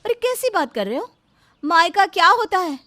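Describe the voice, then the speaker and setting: A woman's voice: very high voice, big pitch swings, normal speed, voice pushed up, exaggerated voice. A woman voicing a bossy, spoiled young married woman who scolds and taunts in storybook dialogue. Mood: taunting. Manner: loud, scolding, sarcastic.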